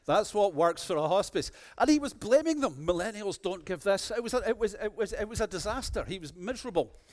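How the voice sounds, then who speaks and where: A man giving a conference talk, telling an anecdote with lively sarcasm to an audience on stage. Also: high-pitched, a little fast. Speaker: conference speaker.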